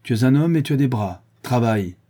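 A man reads a stern young poacher who speaks with measured, commanding firmness, in a dark, husky voice. It is an audiobook character, close to the reader's own voice. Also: medium pitch, expressive, close to an everyday voice. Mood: reproachful. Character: strong, stern young poacher, firm and cold.

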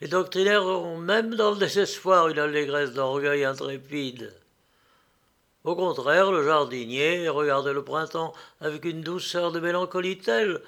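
Un homme qui lit à voix haute un conte littéraire, posément, avec quelques hésitations. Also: male voice, a little high, a bit bright. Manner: measured, unhurried, a few fillers. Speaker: reader. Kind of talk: reading a literary tale aloud.

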